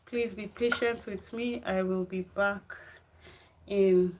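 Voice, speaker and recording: Against a noisy background, a Nigerian gardening channel host chats casually with live-stream viewers and responds to their comments from her home garden and kitchen. She speaks slowly in a steady, mid-range voice.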